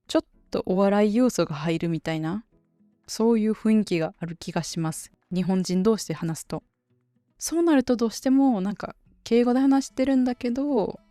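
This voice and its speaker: A woman with a Kansai Japanese accent hosting a casual solo podcast for Japanese learners, chatty and relaxed. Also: medium pitch, no room sound, studio quality. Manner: chatty and relaxed, dialect-heavy. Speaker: podcast host teaching Japanese.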